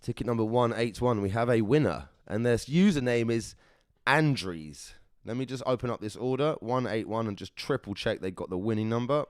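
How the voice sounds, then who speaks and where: A man's voice: mid-range voice, normal speed, no room sound, studio quality. A young man, hosting a live competition draw in casual, upbeat chat, calling viewers lovelies and brother.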